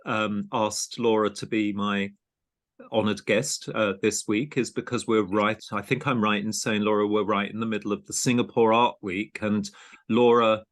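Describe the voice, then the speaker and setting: A man with a fairly low voice hosts a conversational podcast interview. He talks with plenty of ums, pauses and restarts. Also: flat delivery. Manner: hesitant, many ums and restarts. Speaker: podcast host and programme director.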